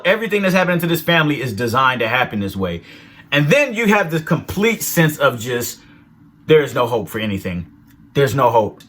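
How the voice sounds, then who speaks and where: A man hosting a casual film review, retelling scenes with animated, profane reactions. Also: a little high.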